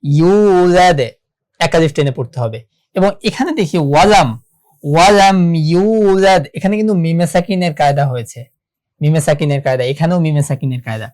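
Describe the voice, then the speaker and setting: A teacher giving an online lesson on Quran recitation in a Bangladeshi Bengali accent. They explain each rule step by step, ask and answer their own questions, and chant the verses slowly. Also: medium pitch, darkish tone.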